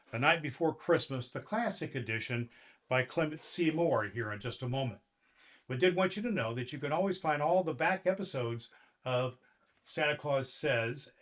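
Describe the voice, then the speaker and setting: A man's voice: mid-range voice, a bit bright. A man playing a jolly, kindly old Santa Claus, hosting a Christmas show for children in a folksy, emphatic storytelling way. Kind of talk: addressing children and reading a storybook.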